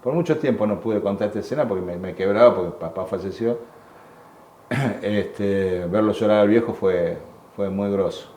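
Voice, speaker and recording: Older Argentine man, low dark voice. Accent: Argentine Spanish. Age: 60s. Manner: halting, repeats words, acts out quoted voices. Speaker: war veteran interviewee. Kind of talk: emotional personal testimony. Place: museum room. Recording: echoey room with faint background hum.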